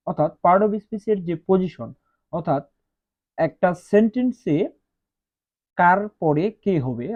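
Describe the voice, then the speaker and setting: A man teaching English grammar as a lesson, speaking slowly and repeating each example. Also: on the high side. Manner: slow, repetitive, spells out each example. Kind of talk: explaining grammar rules to students. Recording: dull lo-fi sound.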